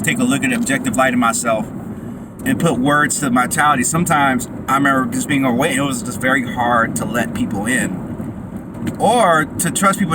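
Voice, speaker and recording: A man talking casually and encouragingly to his vlog audience while out running, in loose broken phrases. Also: a little high. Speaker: vlogger. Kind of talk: casual motivational monologue to camera. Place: outdoors by a road. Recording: loud outdoor street and traffic noise.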